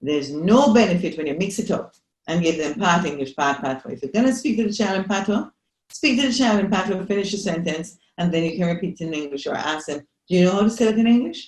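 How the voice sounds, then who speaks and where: A woman's voice: lowish voice, animated, quick pace. A woman with a Jamaican accent, a psychologist guest, explaining patiently and checking in with her listeners over a video call. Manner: patient, teacherly, checks in with "Yes?". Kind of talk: explanatory interview answers. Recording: echoey room.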